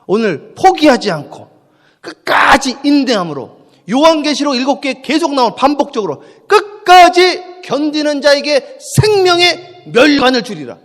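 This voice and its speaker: A man preaching at a dawn church service as pastor, emphatic, repeating his phrases and swinging from quiet talk to shouting. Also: very high-pitched, in a large hall. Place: church sanctuary.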